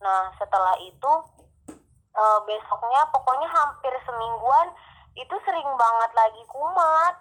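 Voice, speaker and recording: A woman's voice: high voice, lively intonation, measured pace, a bit bright, rough recording. A young woman casually telling a personal ghost story with many fillers and restarts. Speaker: storyteller guest. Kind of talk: casual chat.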